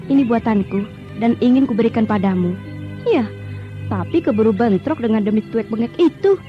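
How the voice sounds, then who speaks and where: A woman's voice: on the high side, animated, normal speed, lo-fi sound, faint music behind. An actress playing a stubborn, wounded young woman warrior, impatient and bantering, in an old radio drama recording. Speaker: Tri Andiani, a radio drama character.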